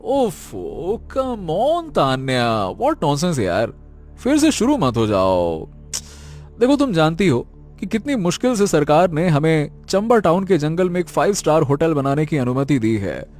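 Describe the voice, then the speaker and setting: A man puts on a young would-be hotelier who is impatient and dead set on his plan, his voice pitched well above the storyteller's own. He talks briskly and with some exasperation, mixing in English words. Soft music plays underneath this audio-drama scene. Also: animated, close to an everyday voice. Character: young male hotel entrepreneur, impatient, determined.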